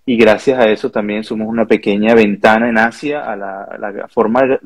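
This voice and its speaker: A man's voice: lowish voice, fairly even intonation, normal speed. A Venezuelan chef in his thirties with a Venezuelan accent, speaking earnestly on a video call interview, often tagging his sentences with a questioning "no". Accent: Venezuelan Spanish. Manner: earnest, thoughtful, frequent restarts and "¿no?" tags. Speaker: chef and restaurant owner. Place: home or office room with pictures on wall, indoors. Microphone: video call, earbuds.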